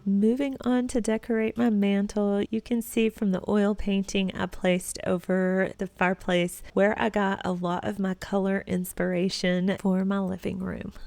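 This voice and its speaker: A woman's voice: mid-range voice, little pitch movement, normal speed, gravelly, hardly any pauses, darkish tone. A middle-aged woman with a Texas accent, chatting directly to viewers in a voice-over about decorating her home. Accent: Texan.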